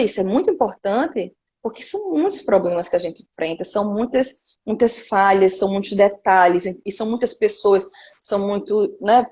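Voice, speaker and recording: A woman in her thirties with a Northeastern Brazilian accent, a cultural producer telling her story frankly and lively in an interview. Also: mid-range voice. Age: 30s. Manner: lively and frank, frequent "né" tags.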